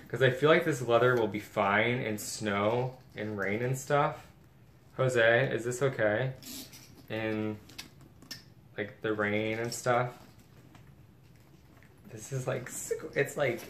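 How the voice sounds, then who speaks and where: A vlogger with a lowish, fairly bright voice chats casually as he unboxes and shows off bags, gushing the whole time. The room is echoey, with faint noise in the background.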